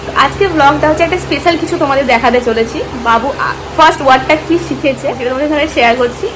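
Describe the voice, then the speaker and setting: A woman's voice: high voice, rapid-fire. A woman vlogger chatting directly to her viewers in a casual way. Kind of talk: casual vlog talk. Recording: noisy background.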